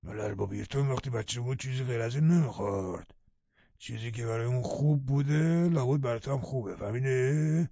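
A man's voice: a little high, sing-song, gravelly, darkish tone, no room sound, dull audio, pitched above the performer's own voice, heavily acted. A man voicing a grumbling, sour old male servant in an audiobook, with a disapproving manner. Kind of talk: audiobook character reading.

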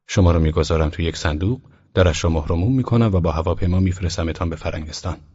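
A man's voice: low-pitched, dull audio. A man voicing a smug police general. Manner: soft, smooth, quietly menacing.

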